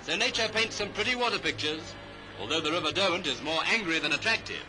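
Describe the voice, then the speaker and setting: A British newsreel narrator with a fairly high, expressive voice speaks quickly in a clipped style. He delivers scripted 1930s commentary on a vintage soundtrack with music in the background.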